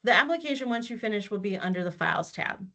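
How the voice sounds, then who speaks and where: Talking fast in an expressive, medium-pitched voice that's pushed and bright, a woman walks staff through a records system on a video call. Despite her speed, she explains patiently and methodically, step by step, in this online training. Audio quality is dull and lo-fi.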